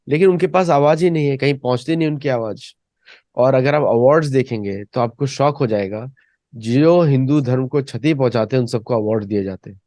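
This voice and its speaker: A man hosting a discussion, talking in a measured, hesitant way with fillers. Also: mid-range voice, dark tone, dry recording. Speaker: host.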